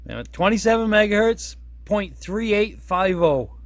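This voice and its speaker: With a high, animated voice and a slightly slow pace, a man shows off a radio as a product reviewer. His unscripted demo is casual, folksy, and self-deprecating, frequently rambling and correcting itself. There is no room sound.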